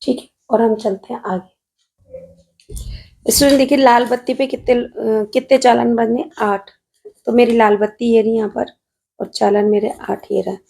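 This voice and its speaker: A woman's voice: a little high, steady tone, normal speed, gravelly, dark tone. A woman math teacher with a Rajasthani Hindi accent, patiently solving an exam paper on video while writing at a desk and calling her students "beta".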